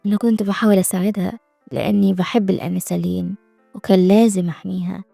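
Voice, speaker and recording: A woman with an Egyptian Arabic accent voicing a cold, scheming young man who speaks quietly and calmly. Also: mid-range voice, fast, gravelly, no room sound, faint music behind, pitched below the performer's own voice. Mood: calm menace. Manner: quiet and calm, menacing.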